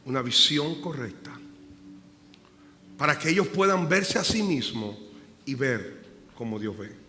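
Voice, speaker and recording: A male pastor preaching a sermon with passion. He swings from hushed prayer to loud emphasis and repeats phrases to drive them home. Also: mid-range voice, expressive, unhurried. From Dominican Republic. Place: church sanctuary. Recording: live church recording with long reverb and faint room noise.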